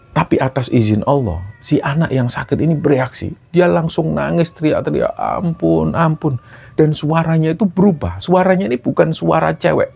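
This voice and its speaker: A man's voice: medium pitch, vocal fry, darkish tone, slightly rough. A man narrating a supernatural story casually, in a conversational retelling. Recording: dull lo-fi recording.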